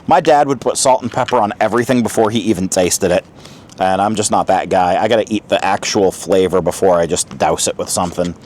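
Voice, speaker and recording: Low-voiced man. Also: a little fast, darkish tone, slight background noise. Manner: chatty, talks while eating. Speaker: outdoor vlogger. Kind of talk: casual food review vlog. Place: outdoor picnic spot.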